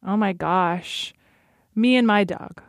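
An American woman hosting a podcast, chatting and interviewing in a casual, playful and expressive way. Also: medium pitch, slow pace, no echo, clean studio sound. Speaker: podcast host.

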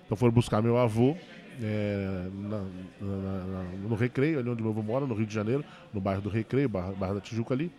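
Fast-talking comedian telling a story. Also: male voice, fairly low pitch, dark tone. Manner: fast, emotional retelling with many restarts. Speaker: stand-up comedian. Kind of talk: storytelling in a casual interview.

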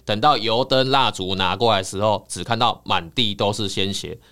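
A man, a counseling psychologist telling a folk tale in a lively, dramatic way on a podcast. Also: fairly low pitch, normal speed, clear, resonant tone. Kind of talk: animated storytelling in a podcast.

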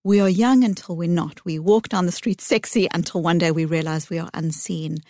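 A middle-aged woman, a psychologist giving earnest, measured interview answers with thoughtful pauses. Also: lowish voice, darkish tone, dry recording, clean studio sound. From South Africa. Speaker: psychologist guest.

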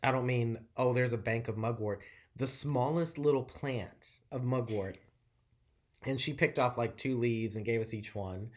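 A man's voice: mid-range voice, unhurried. Rambling, profane storyteller man. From North Carolina. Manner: rambling, profane, animated storytelling with many fillers. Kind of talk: casual storytelling chat.

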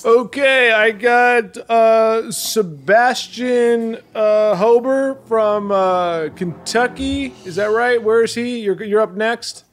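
A man's voice: very high voice, takes it slowly, hardly any pauses, a bit bright, heavily acted. A man playing a flustered, casual competition official in an improvised comedy sketch, with a hesitant, rambling delivery. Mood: flustered, amused.

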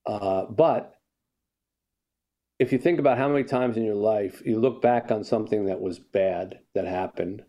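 A man's voice: on the low side, normal speed, warm tone. An older man, an author guest in a conversational interview, telling a story and reflecting, often restarting his sentences.

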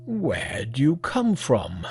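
A storyteller voicing a stern old patriarch teacher who questions a new pupil, gruff and measured. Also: mid-range voice, huge pitch swings, darkish tone, full character voice.

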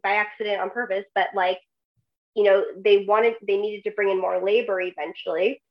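A woman's voice: medium pitch, fairly even intonation, normal speed. Chatty woman guest on dull audio. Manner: chatty, lots of "like", laughs through serious points. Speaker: guest researcher in agriculture. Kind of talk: casual podcast conversation.

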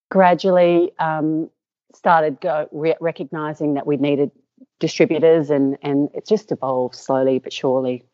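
Low-voiced Australian woman, rambling. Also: mellow, no room sound. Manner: rambling with many fillers and restarts. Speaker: company co-founder. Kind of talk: interview guest, storytelling. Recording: dull lo-fi sound.

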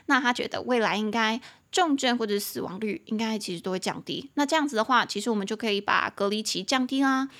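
Woman spelling out English words slowly. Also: on the high side, a bit bright. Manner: explains words slowly, spells them letter by letter; repeats words and mixes Mandarin with English. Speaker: English teacher and podcast host. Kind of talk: podcast vocabulary lesson.

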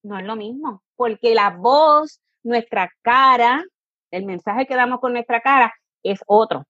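A fairly high-voiced woman explains parenting ideas as an interview guest. She talks in an explanatory way and now and then acts out a parent or a child. The sound is dull and lo-fi, with a dry and close room. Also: a little slow, a bit bright, dry recording. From Puerto Rico. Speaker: positive discipline educator and coach. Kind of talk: interview answers.

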